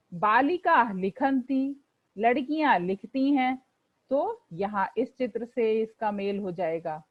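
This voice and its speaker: Woman teacher, patient, slow classroom explainer, slightly high voice, lo-fi recording. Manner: slow and patient, reciting word forms aloud for pupils to repeat. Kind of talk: classroom lesson explaining textbook exercises.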